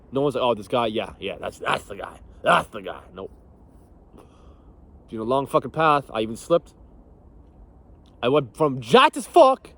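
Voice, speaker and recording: A young male fitness coach talking in a loose, profane, motivational way. He is blunt and laughs easily, and his voice sits at an ordinary middle pitch. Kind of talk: casual motivational talk.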